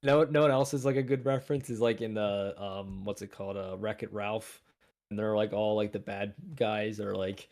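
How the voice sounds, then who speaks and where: A man's voice: fairly low pitch, fairly even intonation, moderate pace, darkish tone. A man co-hosting a casual livestream review, rambling and heavy on filler words. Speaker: co-host.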